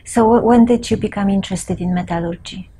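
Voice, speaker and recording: A woman's voice: mid-range voice, brisk, warm tone, slight background noise. A woman interviewing a guest, asking hesitant questions with false starts. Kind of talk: oral history interview questions.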